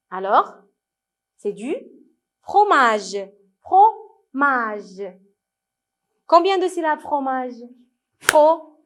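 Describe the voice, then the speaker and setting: A woman's voice: high-pitched, a bit bright. A woman teaching a televised primary school French lesson, patiently drawing out words syllable by syllable, asking the children questions and praising their answers. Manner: asks questions to young pupils and praises them. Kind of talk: televised distance-learning lesson.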